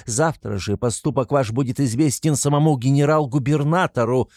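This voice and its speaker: Мужчина изображает отчаянную гордую женщину. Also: male voice, a little mellow, no echo, clean studio sound, lightly acted. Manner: rapid, shrill, breathless pleading. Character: frantic proud consumptive mother, woman.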